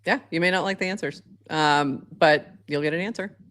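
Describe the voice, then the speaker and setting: A woman's voice: low voice, moderate pace, a bit bright. A woman co-hosting a casual podcast chat, chatty with frequent fillers and laughs. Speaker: co-host.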